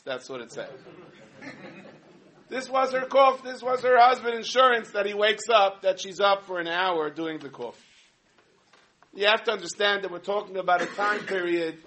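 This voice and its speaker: A man delivers a humorous sermon. He tells stories in an animated way, full of asides. His voice sits a little higher than most men's. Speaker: rabbi giving a talk.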